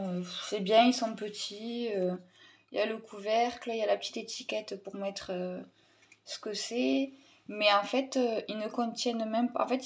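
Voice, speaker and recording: Chatty woman vlogger, hesitant and casual. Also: medium pitch. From Tunisia. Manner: hesitant, many fillers and restarts, chatty. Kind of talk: casual haul video review.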